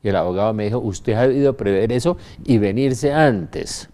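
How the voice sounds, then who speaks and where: An older Colombian-accented man gives an informal religious talk, telling anecdotes emphatically and often posing rhetorical questions. His voice is mid-range and mellow, at normal speed.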